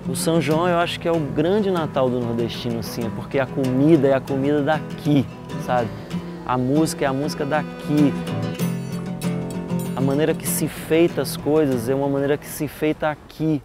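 A man from Salvador, a singer and composer, speaking in a relaxed, reflective way in a documentary voice-over. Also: mid-range voice, moderate pace. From Salvador, Brazil. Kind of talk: documentary voice-over and on-location talk. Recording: music bed underneath.

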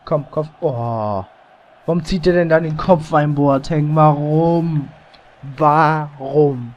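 A gamer with a slightly high voice talks through his match in loose, casual bursts. He gets excited and groans or swears when plays go wrong. The mic is slightly overdriven at times. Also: slow, muffled recording. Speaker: let's play gamer. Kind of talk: casual live gameplay commentary. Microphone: headset or desk mic, slightly overdriven.

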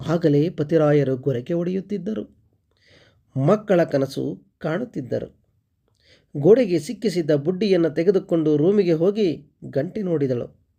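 A man reading a short story aloud as narrator and teacher, steady and expressive. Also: on the high side, a little slow, creaky, long pauses, muffled recording.

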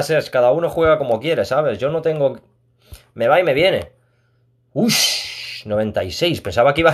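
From a room at home, a man with a fairly high-pitched voice casually streams a mobile game. He reads his chat out loud, speaks warmly to his viewers, and laughs a lot.

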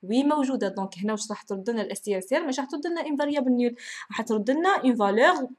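A woman's voice: fairly high pitch, expressive, racing. A woman lecturer with an Algerian Arabic accent, walking through a programming procedure, mixing in French terms and asking and answering her own questions.

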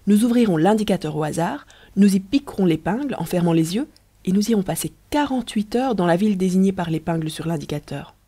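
A reader voicing Riquette, a playful young woman in love, in an audiobook, with a light, eager, mellow voice. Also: medium pitch, animated, fast talker, husky. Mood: enthousiaste.

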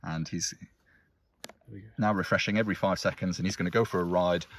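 This man's low voice keeps a steady tone and a fairly quick pace as he demonstrates tech live on an action camera. He's outdoors on a woodland bike trail, and the clip picks up outdoor noise and clicks.

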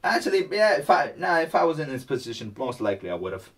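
A man's voice: a little high, sing-song, fast, far from the mic. A man vlogging casually while he paints, rambling and talking to himself.

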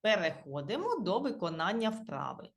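A woman's voice: medium pitch, big pitch swings, moderate pace, roomy sound. A woman with a Ukrainian accent, an English teacher who explains grammar to beginners patiently, spelling out word endings letter by letter.

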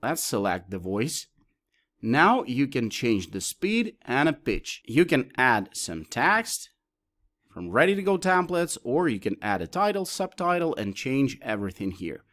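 A man presenting a software tutorial, explaining each option step by step as he clicks through it. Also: mid-range voice, very animated, a little slow. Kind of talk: screen-recorded tutorial walkthrough.

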